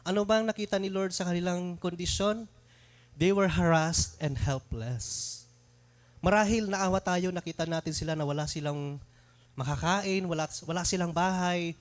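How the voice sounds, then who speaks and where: A man's voice: high voice, steady tone, a little fast. Man preaching a conversational sermon. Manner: conversational preaching with rhetorical questions; mixes English phrases into his talk.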